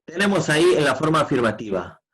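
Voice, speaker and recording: Husky male teacher. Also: a little high, sing-song, fairly bright tone, rough recording. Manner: patient, repeats "¿ya?" checks, models English sentences slowly. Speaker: school English teacher. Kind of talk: online class explanation.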